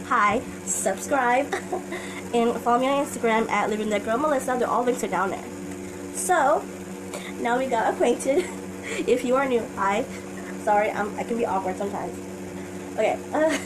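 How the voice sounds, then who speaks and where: A young woman in her twenties chatting casually as a reaction vlogger, rambling and apologetic with many fillers. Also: on the high side. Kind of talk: casual chat. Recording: audible background noise.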